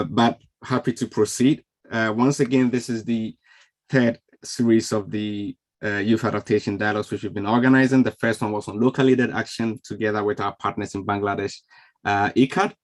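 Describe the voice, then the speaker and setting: Male webinar moderator on a video call, welcoming, filler-heavy, slightly low voice. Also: steady tone, normal speed. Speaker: webinar host. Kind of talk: online event moderation. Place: home or office on a video call. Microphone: video call microphone.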